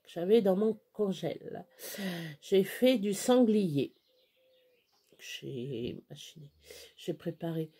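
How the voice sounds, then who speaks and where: A middle-aged woman vlogger talks to camera in a mellow, warm voice, rambling casually with frequent fillers and restarts. Now and then she slips into soft baby talk. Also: mid-range voice, lively intonation, takes it slowly, pauses often, slightly rough. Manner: chatty, hesitant, many restarts and fillers, baby talk to her dog.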